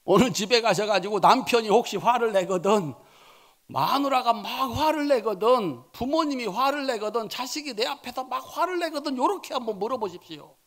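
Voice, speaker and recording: High, animated male preacher. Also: moderate pace. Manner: dramatic storytelling, swinging between soft asides and loud exclamations. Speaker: senior pastor. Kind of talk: sermon.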